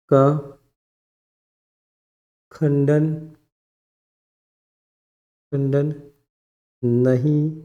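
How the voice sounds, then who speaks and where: A young man teaching an exam-prep grammar class, his voice a touch high but dark and mellow in tone. He breaks key definitions into single words and repeats them. He keeps checking in with the class as he goes. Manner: repetitive, drills key phrases word by word.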